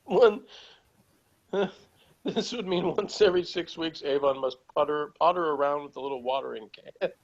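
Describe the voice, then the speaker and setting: A podcast host reviews an episode casually, reading from his notes with sarcasm and frequent chuckles. His voice is on the high side, and he speaks unhurriedly with many pauses. The lo-fi audio sounds dull.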